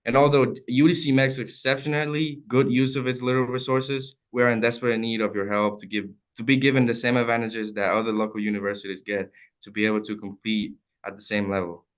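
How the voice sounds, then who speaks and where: Earnest young man, smooth clear voice. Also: medium pitch, flat delivery, fairly quick. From El Salvador. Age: young adult. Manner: earnest, formal and heartfelt. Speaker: student testifying at a hearing. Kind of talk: read prepared testimony.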